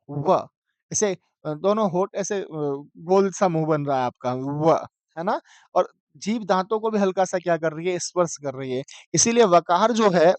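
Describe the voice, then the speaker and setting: High-voiced man teaching Sanskrit, dry sound. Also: a little mellow, no room sound. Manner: asks students frequent questions, slow chanted recitation of rules. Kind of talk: classroom lecture.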